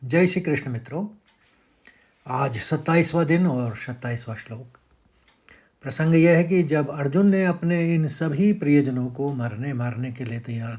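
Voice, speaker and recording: A man teaching how to pronounce and chant scripture verses, explaining each word and then chanting the lines slowly with stressed syllables. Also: medium pitch, a little mellow, husky. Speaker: recitation teacher. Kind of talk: scripture recitation lesson.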